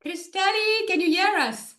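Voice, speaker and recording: Running a live webinar on a video call, this woman chats upbeat with her audience and addresses them as "guys." She speaks unhurriedly in a very high-pitched voice that sounds pushed and bright.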